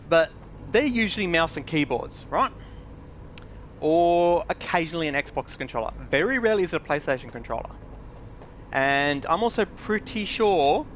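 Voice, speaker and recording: A man's voice: a little high, a bit bright, a little hiss or hum. A grown man ranting bluntly and with frustration, swearing and mocking what others say. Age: adult. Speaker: gamer vlogger. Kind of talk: angry ranting commentary.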